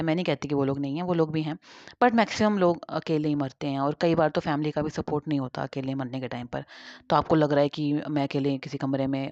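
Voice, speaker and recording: A woman's voice: sits low, a little mellow, no room sound. A woman talking informally and directly to her viewers in a casual advice monologue. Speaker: advice vlogger. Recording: dull, dry lo-fi recording.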